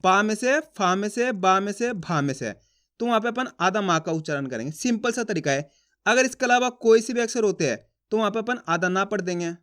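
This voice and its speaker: A man teaching a reading lesson, asking himself questions and answering them, sounding out syllables slowly. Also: high voice, animated, fairly bright tone. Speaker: Hindi teacher.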